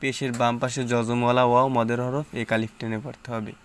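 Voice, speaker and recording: A man's voice: mid-range voice, little pitch movement, slight background noise. A man teaching Quran reading, patiently spelling out letters and sounding each syllable. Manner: patient, step-by-step drilling, recites louder and slower. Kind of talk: spelling out and reciting letters slowly.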